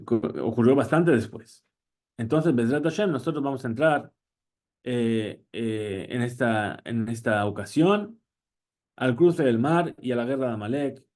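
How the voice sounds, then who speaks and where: Rabbi teaching with questioning pauses. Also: male voice, mid-range voice, a little mellow. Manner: teaching with questions and Hebrew quotes; frequent hesitations and restarts. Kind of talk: Torah class.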